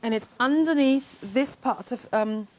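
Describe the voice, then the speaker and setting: Gushing higher-voiced saleswoman on shopping TV. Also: measured pace. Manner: effusive, calls viewers darling and girls. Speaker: shapewear brand representative.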